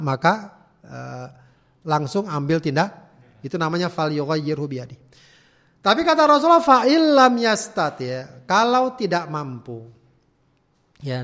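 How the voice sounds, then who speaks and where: High-voiced man teaching a study class. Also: a bit bright. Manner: explanatory, repeats key words, frequent "ya" tags; restarts clipped words. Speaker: Islamic teacher. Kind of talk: religious study lecture.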